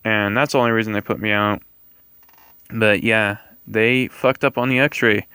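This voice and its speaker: A young man tells a personal story in a casual vlog style. His voice is slightly low but bright and very clear, recorded dry and close. He rambles a little, hesitating and correcting himself as he goes. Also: fairly even intonation, moderate pace, dry recording. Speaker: vlogger.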